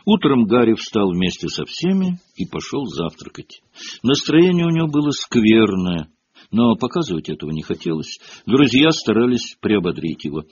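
A man reading an audiobook with expressive storytelling. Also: fairly low pitch, moderate pace, breathy edge. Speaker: audiobook narrator. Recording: dull lo-fi audio.

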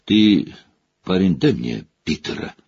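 A man voicing a haggard male escaped prisoner with a hoarse, rasping voice, on a dull lo-fi recording. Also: fairly low pitch, wildly swooping pitch, slow pace, darkish tone, full character voice. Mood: grim.

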